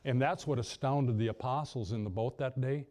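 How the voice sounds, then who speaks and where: Male preacher with a mellow voice, halting delivery, lifts his pitch for emphasis. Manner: halting, many restarts, rises high for emphasis. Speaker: pastor. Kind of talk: sermon.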